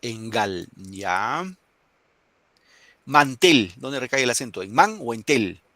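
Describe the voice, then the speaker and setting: Reading poems aloud and quizzing his class, a Peruvian-accented male teacher walks students through a poem's meaning. He speaks unhurriedly in an expressive, bright, mid-range voice with a forceful tone.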